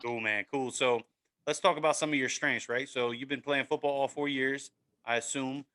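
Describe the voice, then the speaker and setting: A man's voice: mid-range voice, steady tone, normal speed, pushed and bright, smooth. A man hosting a casual sports podcast, upbeat and encouraging, often tagging "man" and "right?" onto his sentences. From Maryland, USA. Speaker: podcast host.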